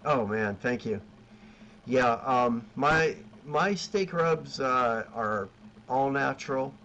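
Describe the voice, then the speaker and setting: A man's voice: medium pitch, slow, sharp tone. Rambling joking man on a dull line. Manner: rambling storyteller, laughs at himself. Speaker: BBQ caterer, guest. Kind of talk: casual chat. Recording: dull lo-fi sound with faint noise.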